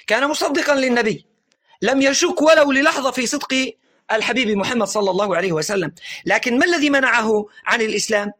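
Lecturing earnestly, a man teaches a religious lesson in a voice that sits high and sounds a bit bright. He repeatedly urges his audience to pay attention, slowly emphasizes phrases, and drops his voice as sentences end.

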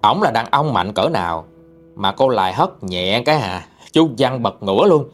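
A man's voice: fairly low pitch, lively intonation, normal speed. Guy telling a ghost story, voice swoops all over, faint music under it. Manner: chatty, dramatic, addresses listeners directly. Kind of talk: storytelling narration.

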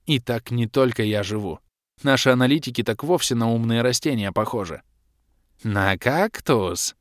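A man's voice: mid-range voice, moderate pace, no room sound, lightly acted. A man voicing a weary sardonic young baroness. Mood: grumbling. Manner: dry, sulky, sardonic. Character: weary sharp-tongued young woman, a baroness. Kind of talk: audiobook reading.

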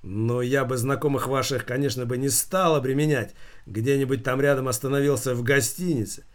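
A man's voice: mid-range voice, fairly even intonation, brisk, lightly acted. A man voicing a jovial company director who teases his staff in a hearty, bantering way.

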